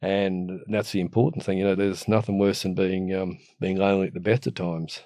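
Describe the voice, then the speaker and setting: A man's voice: sits low, flat delivery, brisk, mellow, no room sound, studio quality. A middle-aged Australian man ranting casually and bluntly, with the earthy, matey slang and mild swearing of an Aussie tradesman. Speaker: guest giving opinions. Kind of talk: casual opinionated rant.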